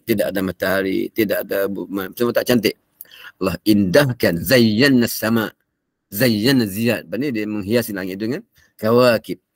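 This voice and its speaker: A man's voice: on the low side, no room sound, clean studio sound. An older man with a Malaysian Malay accent giving a morning religious lecture in a chatty, digressive way, breaking into Arabic recitation and coughing often. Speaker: religious teacher.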